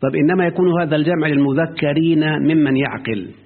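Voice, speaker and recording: A man with an Egyptian Arabic accent teaching a grammar lesson, often quizzing his student as he explains. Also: on the high side. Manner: questioning the student often, drawn-out quoting. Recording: tinny lo-fi phone-like line.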